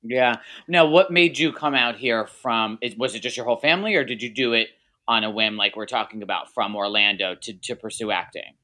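Man, interview host, chatty and rambling, mid-pitched, bright tone. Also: brisk. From New Jersey. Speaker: interview host, casting director. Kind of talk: casual video interview.

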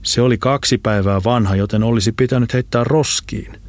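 A man's voice: steady tone, no room sound, lightly acted. A man voicing a meek, placating male accomplice in a raised voice. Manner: placating, higher-pitched.

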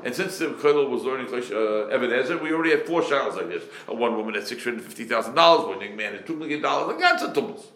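In an echoey room, a man with a mid-range, fairly bright voice lectures as a rabbi at a quick pace, hardly pausing, with lively intonation. His Torah lecture is a sermon to a live audience, delivered emphatically with rhetorical questions, repeated phrases, and Hebrew and Yiddish terms.

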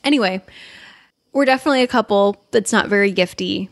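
A woman's voice: mid-range voice, fairly quick, dry recording, studio quality. A young woman co-hosting a podcast, talking casually and giving earnest advice. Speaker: podcast co-host. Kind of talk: casual chat.

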